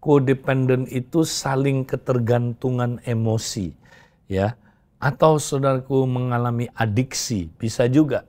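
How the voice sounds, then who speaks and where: Slow, deliberate preacher man. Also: mid-range voice, mellow. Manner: slow, deliberate preaching, often addresses listeners as "saudara"; tells a story with the voices of its people. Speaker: pastor. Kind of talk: sermon.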